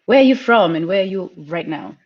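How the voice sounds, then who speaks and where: A woman's voice: medium pitch, expressive, brisk. A woman from Kenya, hosting an online travel panel and guiding each guest through the questions. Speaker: webinar host. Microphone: video call. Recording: dull lo-fi call audio.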